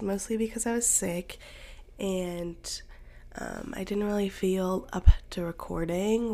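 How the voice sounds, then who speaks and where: A young woman hosts her podcast in a loose, bubbly chat, her nose a little stuffy from a cold. Her low voice is mellow and full of vocal fry. She often drops into soft, whispery asides. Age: young adult. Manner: chatty, bubbly, frequent slips into whispery asides. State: nasal from a cold. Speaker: podcast host. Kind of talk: casual chat.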